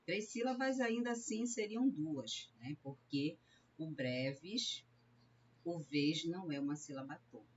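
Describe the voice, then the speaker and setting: Woman teacher from Brazil, low-pitched, methodical lecturing with frequent "né?" checks. Slightly dull recording. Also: expressive, slight background noise. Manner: explains step by step, often adds a questioning "né?"; sounds out syllables slowly when counting verse. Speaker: literature teacher.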